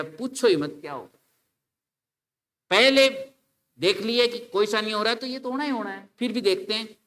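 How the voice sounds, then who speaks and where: A male teacher giving an exam-prep grammar lecture, animated and mixing with English while acting out his students' questions. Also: sits high.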